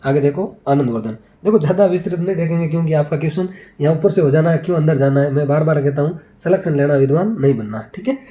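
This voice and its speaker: Male revision-class teacher, very mellow and dark tone, slightly high pitch, drills points by asking and answering his own questions. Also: expressive, fast talker. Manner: quizzes with rhetorical questions, answers them himself; repeats key points, ends phrases with check-in tags. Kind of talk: exam revision lecture.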